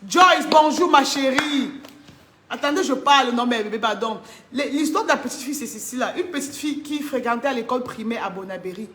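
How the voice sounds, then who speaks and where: A woman's voice: fairly high pitch, fast, fairly bright tone, slight background noise. A woman hosting a casual phone live stream, greeting viewers by name and coaxing them to share. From Cameroon. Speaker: live-stream host selling wigs. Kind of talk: casual Facebook live chat.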